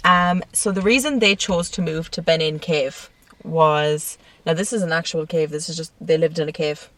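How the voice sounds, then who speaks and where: A woman's voice: deep voice, fairly even intonation, moderate pace, a bit bright, dry recording, distant mic. A woman co-hosting a casual true-crime podcast, telling the story with frequent laughs and swearing. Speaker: podcast co-host. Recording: dry sound, set back from the mic.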